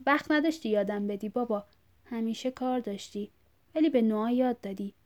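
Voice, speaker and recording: A woman's voice: a little high, a little mellow, natural voice. A woman reading a story aloud, voicing a grown son who pleads patiently with his father. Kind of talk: audiobook reading.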